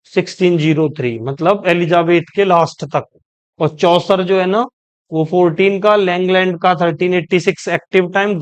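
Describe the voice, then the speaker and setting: A man from India teaching an exam-prep lecture. He explains step by step, keeps rephrasing himself, and reads English quotations slowly and deliberately. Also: high voice, clean tone, lo-fi sound.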